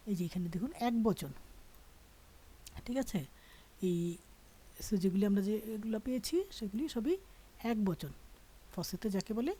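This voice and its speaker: A woman's voice: medium pitch, dark tone, slightly rough. A woman teaching a beginner French grammar lesson, patient and step by step, often checking in with her listeners. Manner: patient, explains step by step, often asks "all right?".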